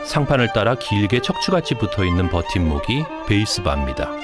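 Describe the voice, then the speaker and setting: A man reads documentary narration in a calm, explanatory voice. His voice sits slightly low but rises and falls with lively melody. Loud music plays under the voice-over. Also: fairly quick.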